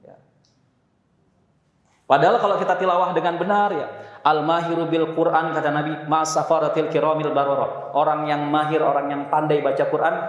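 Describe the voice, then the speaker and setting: A man teaching a Quran recitation class to a congregation, relaxed and joking as he encourages beginners. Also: fairly high pitch, fairly quick. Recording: echoey hall with long reverb.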